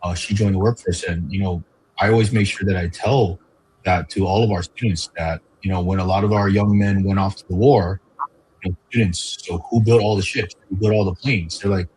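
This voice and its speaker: A man's voice: low voice, fairly even intonation, fairly quick, darkish tone, a little hiss or hum, poor audio. A man from Hawaii, a park educator, talking earnestly as an interview guest with frequent fillers. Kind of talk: casual interview chat.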